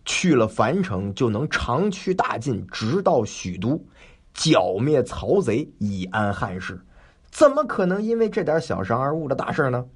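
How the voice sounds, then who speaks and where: A man's voice: mid-range voice, sing-song, measured pace, slightly rough, full character voice. A man voicing a proud, stern old-style general. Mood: defiant. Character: proud stern male general, commanding and defiant.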